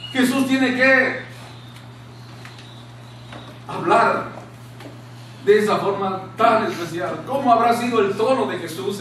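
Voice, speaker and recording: A man preaching a sermon in a small church room, impassioned, dropping to a hushed tone when he quotes scripture. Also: high voice. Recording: very echoey room, distant mic, faint hiss.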